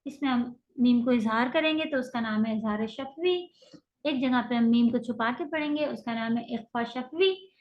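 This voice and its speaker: A woman with a high voice teaches a recitation class. She explains each rule patiently and stretches out the example sounds slowly. The audio is dull and lo-fi. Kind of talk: online tajweed lecture.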